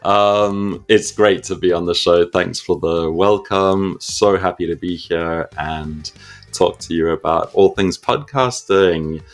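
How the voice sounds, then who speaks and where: A man's voice: sits low, takes it slowly, faint music behind. A man from Zimbabwe, a podcast co-host, talking casually as a guest and laughing easily. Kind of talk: casual interview talk.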